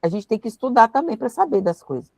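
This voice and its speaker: A woman's voice: on the high side, very animated, fast, vocal fry, warm tone, dry recording. A woman, teaching a casual Bible study and thinking aloud as she reads verses. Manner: chatty, thinks aloud while reading verses.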